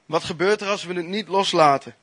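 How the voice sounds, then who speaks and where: Man preaching, earnest and emphatic, slightly high voice, dry close sound. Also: a bit bright, no room sound. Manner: earnest, emphatic, with pauses and restarts. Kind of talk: sermon with personal testimony.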